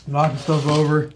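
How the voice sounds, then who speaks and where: A man reviewing hot sauce in a casual tasting vlog, halting and coughing often between sighs. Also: a little high, background noise. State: coughing from spicy powder.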